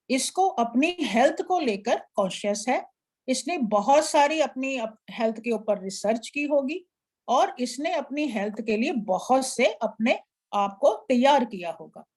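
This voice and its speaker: A woman's voice: a little high, a little mellow. Woman teaching a tarot class. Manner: explanatory, instructive, asks an assistant to show slides. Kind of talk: live online class lecture.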